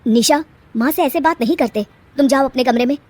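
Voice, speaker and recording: A woman voicing a gentle, patient young man, the stepson, speaking softly and calmly in a storybook tale. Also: sits high, brisk. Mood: gloomy. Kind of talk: storybook voice acting.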